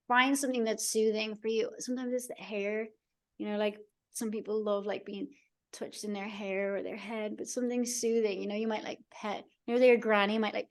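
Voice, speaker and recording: A woman coach leading a live online workshop in a soothing, encouraging way, checking in often with her listeners. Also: mid-range voice. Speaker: mind-body coach.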